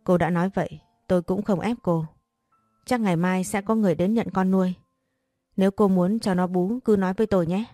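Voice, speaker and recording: A woman voicing a timid, kind young maid who speaks politely and gently in an audio story. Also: on the low side, fairly even intonation, fairly quick, no room sound, clean studio sound, soft background music, natural voice. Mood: gentle.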